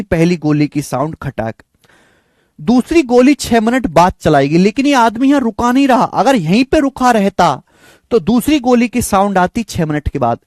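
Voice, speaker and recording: Maths teacher guy, high lively voice, repeats stuff a lot for emphasis, dry close mic. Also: dry recording. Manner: repetitive, emphatic, addresses students as "beta" and "dear friends"; acts out gunshot sounds. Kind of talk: explaining a word problem.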